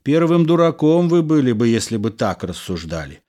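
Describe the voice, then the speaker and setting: A man's voice: medium pitch, sing-song, moderate pace, mellow, natural voice. A male reader voicing a composed, wry husband who talks through an awkward scene like a patient lecture. There is irony in every turn. It is a spoken storybook reading. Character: calm, wry, reasoning middle-aged husband engineer. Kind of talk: audiobook character reading.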